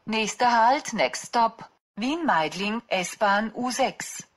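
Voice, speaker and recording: A woman announcing the next stops in a train announcement, formal and crisp. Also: fairly high pitch, animated, takes it slowly.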